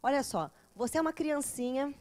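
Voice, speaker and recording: High-voiced woman teaching a class. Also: brisk. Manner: lively, acts out children and mothers. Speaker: teacher of a psychology course. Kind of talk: lecture to a class.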